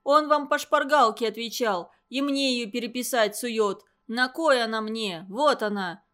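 A woman's voice: fairly high pitch, measured pace, a bit bright. A woman voicing a sullen, defiant schoolboy who answers back angrily. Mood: sullen angry.

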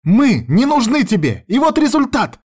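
A woman's voice: very deep voice, sing-song, a little slow, darkish tone, breathy edge, heavily acted. A man reading an audiobook, voicing a bitter ex-wife who sneers and shrieks. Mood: shrieking.

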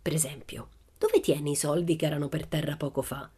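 A woman voicing a rough, dark-haired male burglar who speaks in a slow, hushed, wheedling way. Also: sits low, lively intonation, full character voice. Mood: hushed menace.

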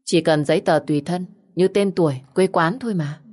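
A woman voicing a calm, kind young man who briskly takes charge of getting a sick man to hospital. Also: on the low side, lightly acted. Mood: practical.

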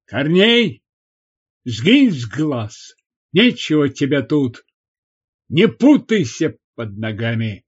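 A man's voice: fairly high pitch, big pitch swings, slow, long pauses, husky, full character voice. Guy putting on a furious healer lady, snapping orders, kinda muffled recording. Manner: barking orders. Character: fierce angry female village healer.

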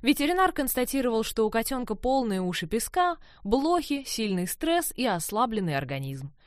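Lively woman narrating a story. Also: on the high side, moderate pace, dry recording, clean studio sound. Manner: lively, storytelling with varied intonation. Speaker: narrator, mother. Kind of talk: expressive audiobook narration.

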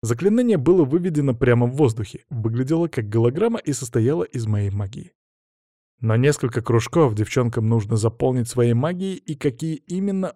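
A man's voice: mid-range voice, warm tone, no echo, studio quality. A man narrating a first-person audiobook in a wry storytelling manner.

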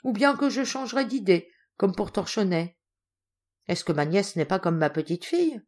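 A woman's voice: mid-range voice, animated, moderate pace, a little mellow, lightly acted. A woman voicing a boisterous, generous old male Russian general who speaks in commanding exclamations. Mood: brisk.

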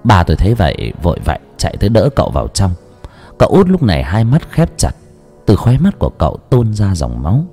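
A man narrating a horror story in a dramatic, brisk telling. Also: low voice, wildly swooping pitch, vocal fry, dark tone, slightly rough, faint music behind.

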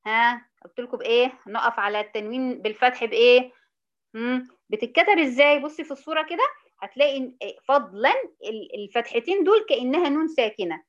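A woman with an Egyptian Arabic accent teaching a Quran recitation lesson, asking her students questions and drawing out the example words slowly. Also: fairly high pitch, lo-fi sound. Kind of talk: informal tajweed lesson.

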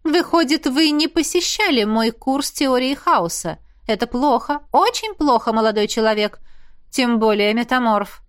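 In an audiobook, a woman voices a fussy, strict, scolding female teacher at a magic academy. She pitches this character voice above her own natural voice, landing on the high side, at a moderate pace.

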